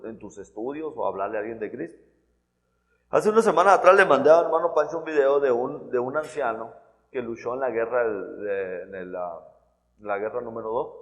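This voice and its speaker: A man's voice: mid-range voice, expressive, brisk. A man preaching a sermon in an earnest, conversational way, often restarting and checking in with "¿verdad?". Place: church hall. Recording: long church-hall reverb.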